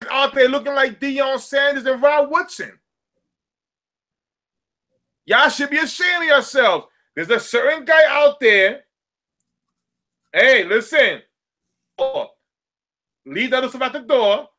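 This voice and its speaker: A man's voice: extremely high pitch, takes it slowly, pauses often, pushed and bright. A man co-hosting a casual sports podcast with a Southern US accent, ranting animatedly and repeating words as he builds up. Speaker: sports talk co-host.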